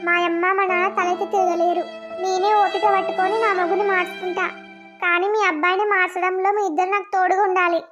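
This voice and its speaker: A woman voicing a patient, pleading young village bride in a cartoon, with a high, thin voice. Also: level tone, quick pace, over music.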